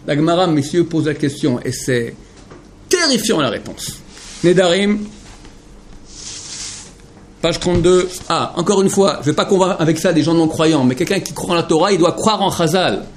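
Impassioned high-voiced man teaching Torah. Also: moderate pace, pauses often, a little hiss or hum. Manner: emphatic, rhetorical questions, swings from hushed to impassioned. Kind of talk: Torah lecture to a male audience.

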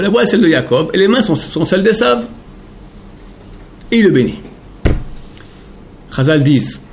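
A man delivering a Torah lecture in a fairly high voice, with a faint ambient hum underneath. He builds his points through repeated questions. He shifts from quiet explanation to fervent emphasis. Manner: emphatic, rhetorical questions, swings from hushed to impassioned. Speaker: rabbi teaching Torah. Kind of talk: Torah lecture to a male audience.

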